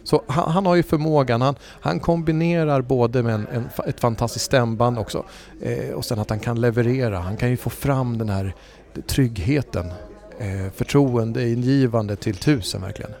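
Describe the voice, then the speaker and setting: A man's voice: mid-range voice, darkish tone. A man, a voice agency head and voice-over speaker, answering interview questions in a thoughtful way with frequent fillers and restarts. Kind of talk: conversational interview.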